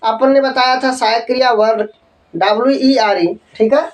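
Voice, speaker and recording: A man teaching an English grammar lesson, dictating example sentences slowly, spelling words letter by letter and checking that students follow. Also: very high-pitched, steady tone, distant mic, rough recording. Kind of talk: Hindi-medium grammar lesson.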